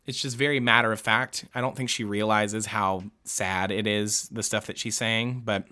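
A man hosting a book-reading show, talking through a true-crime story in casual, emotional commentary, halting and restarting often and swearing. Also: on the low side, steady tone, pushed and bright.

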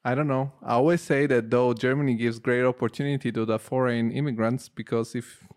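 A man's voice: medium pitch, fairly even intonation, brisk, darkish tone. A man hosting an interview in a casual, informal and joking conversational way. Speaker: interview host.

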